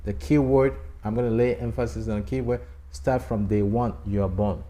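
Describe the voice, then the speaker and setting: Male studio talk host, mellow dark voice, emphatic and repetitive, sermon-like urging. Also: on the low side, steady tone, moderate pace. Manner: emphatic, repeats key phrases, urges viewers to subscribe. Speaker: channel host. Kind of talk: conversational spiritual talk show.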